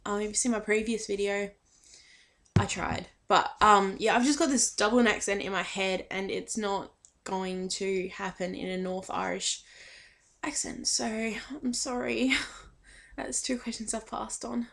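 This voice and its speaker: A woman's voice: mid-range voice, steady tone, a little slow, creaky, a bit bright. A young woman chatting casually in a fan vlog, hesitant and full of filler ums, a little shy. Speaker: vlogger.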